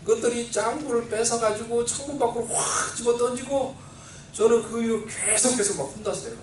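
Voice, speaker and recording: A man preaching a sermon as pastor, telling a childhood story in an animated way and acting out the voices he quotes, with a Seoul Korean accent. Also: very high-pitched, brisk, a little hiss or hum. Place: church sanctuary. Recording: roomy, distant church recording with faint ambience.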